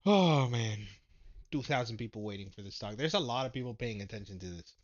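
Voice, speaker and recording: A man chatting through a casual stock market livestream, sliding from muttered asides to loud, laughing outbursts. His mid-pitched voice comes through a dull, lo-fi recording. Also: brisk. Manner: animated, laughing, swings from mumbling to loud exclamations.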